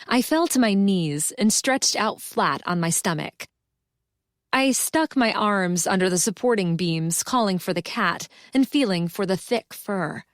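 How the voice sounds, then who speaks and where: A woman reading a cozy mystery audiobook as a first-person narrator, with an expressive storytelling delivery. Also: mid-range voice, measured pace, dry recording, clean studio sound.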